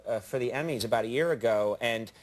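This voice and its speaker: A man's voice: medium pitch, fast talker. An American man hosting a late-night talk show interview, joking and playful as he asks questions.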